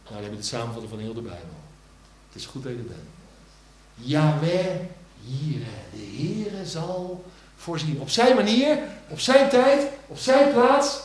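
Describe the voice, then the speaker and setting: Male preacher in an echoing hall. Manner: swells loud on key words, drops to hushed low phrases. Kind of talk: sermon. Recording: echoey church hall.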